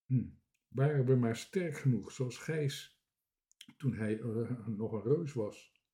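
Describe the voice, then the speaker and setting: A man's voice: medium pitch, slow, warm tone, natural voice. A man reading aloud and voicing a small, thoughtful boy captain. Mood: musing.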